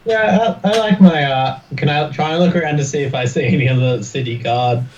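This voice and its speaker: A man's voice: on the high side, a little fast, darkish tone, a little hiss or hum. A man chatting casually as a player in a tabletop game, on a muffled, distant mic.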